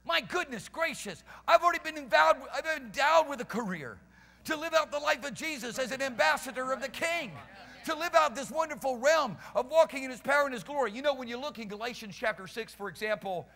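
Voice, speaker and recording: A man's voice: very high voice, animated, a little fast, gravelly, bright, forceful tone. A man in his fifties preaching an emphatic, fervent sermon to a live congregation, pacing the stage with a headset mic. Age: 50s. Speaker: pastor. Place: church hall stage with band gear, live congregation. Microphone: headset mic, preaching while pacing and gesturing. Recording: long reverb of a church hall.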